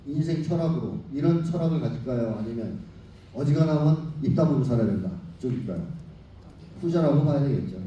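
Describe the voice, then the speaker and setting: Middle-aged guy lecturing, blunt, lots of rhetorical questions, really dark mellow voice, big echoey hall from far off. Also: medium pitch, dull audio, a little hiss or hum. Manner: blunt and animated, peppered with rhetorical questions and quoted insults. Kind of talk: lecture to a union audience.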